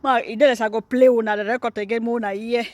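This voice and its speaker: A woman's voice: fairly high pitch, fairly even intonation, quick pace, a little mellow, dry recording. A Nigerian woman vlogger giving teasing, mocking commentary. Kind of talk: casual commentary in Pidgin.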